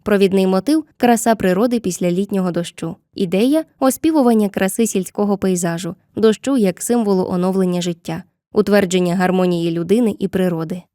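A woman narrating a scripted literature lesson with clear, measured explanations, slowing down to read poem lines. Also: medium pitch, warm tone, dry recording, studio quality. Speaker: teacher.

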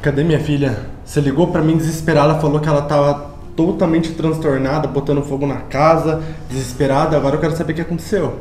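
A man's voice: on the high side, fairly even intonation, quick pace, darkish tone, echoey room, slight background noise, lightly acted. An actor playing a stern, impatient father demanding to see his daughter, speaking curtly. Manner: curt, insistent. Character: stern divorced father, adult man, impatient.

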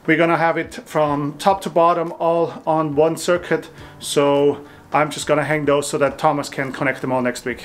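A man's voice: fairly high pitch, moderate pace, soft background music. A man in his forties walking through the attic he is renovating, explaining his plans casually with many ums and restarts. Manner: relaxed, thinking aloud with many ums and restarts. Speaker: home renovation vlogger. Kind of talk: casual walkthrough narration. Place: large wooden attic under renovation, indoors. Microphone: camera mic, often off-camera. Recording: echoey wooden attic.

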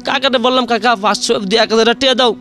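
Fast-talking high-voiced man. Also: steady tone. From Bangladesh. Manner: rambling, keeps saying "brother". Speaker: caller sharing a confession. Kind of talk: emotional personal storytelling on radio.

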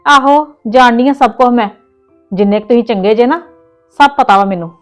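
A sulky, snappish mother, played by a woman in a family web drama, brushing off her son with curt replies. Her voice is high, with faint music behind. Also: moderate pace, lightly acted.

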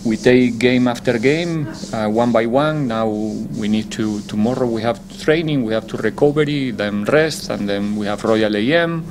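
A football head coach answers questions at a press conference, measured and deliberate, often pausing to find his words. His voice is medium-pitched, and the background is noisy.

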